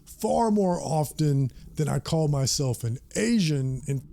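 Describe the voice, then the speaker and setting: A man with a Southern US accent, from the Deep South, giving a measured, scripted personal commentary. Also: lively intonation, gravelly, warm tone. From Deep South, USA. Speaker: video essayist.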